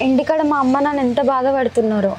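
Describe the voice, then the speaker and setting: A woman's voice: high voice, fast talker, darkish tone, dull audio, slight background noise, natural voice. A young actress playing a village woman in love with a Telangana Telugu accent, speaking fondly. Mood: affectionate. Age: young adult. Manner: affectionate, fond. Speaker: young eloping bride. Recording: background music.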